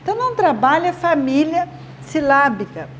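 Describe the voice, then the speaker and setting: A woman, a literacy teacher explaining to parents slowly and patiently, often checking they follow. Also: sits high, sing-song, a little hiss or hum. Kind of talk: instructional video talk to parents.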